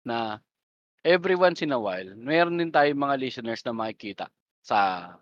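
A man's voice: medium pitch, expressive, moderate pace, dry recording, lo-fi sound. A young Filipino man co-hosting a podcast, bantering loosely with lots of swearing and laughter. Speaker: podcast co-host. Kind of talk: casual chat.

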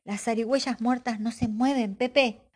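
A woman voicing a worried, caring mother possum who talks softly and scolds gently in a storybook. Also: on the high side, fairly even intonation, moderate pace, lightly acted. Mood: scolding.

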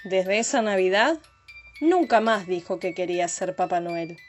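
A woman narrating a children's story in a lively, expressive way. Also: medium pitch, measured pace, soft background music.

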